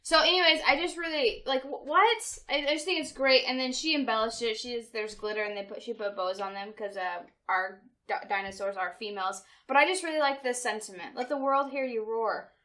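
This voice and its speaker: A woman's voice: on the high side, fairly quick, a bit bright. A young woman chatting casually as a co-host, pronouncing her R's like W's. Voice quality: says w for r, can't pronounce R well. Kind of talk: casual chat.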